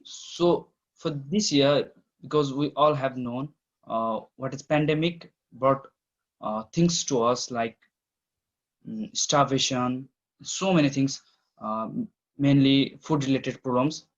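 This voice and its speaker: A man with a Nepali accent giving an informal welcome speech as a campus director, with halting, hesitant phrasing. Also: mid-range voice. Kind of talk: informal speech in an online event. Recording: dull, lo-fi online call audio.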